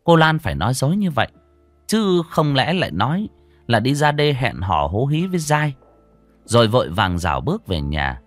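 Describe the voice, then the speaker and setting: A man narrating a ghost story theatrically, moving from hushed to urgent. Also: medium pitch, very animated, moderate pace, no echo. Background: faint music.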